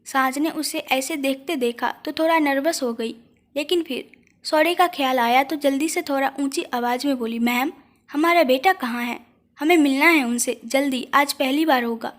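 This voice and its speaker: High-voiced woman narrating a story.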